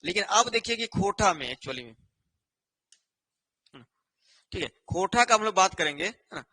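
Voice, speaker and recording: A male teacher giving an online exam-prep lesson, explaining slowly while writing on a board and checking in with a repeated "isn't it" after each point. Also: high-pitched, expressive, sharp tone. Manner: repetitive, with a constant rhetorical "है ना" and "ठीक है".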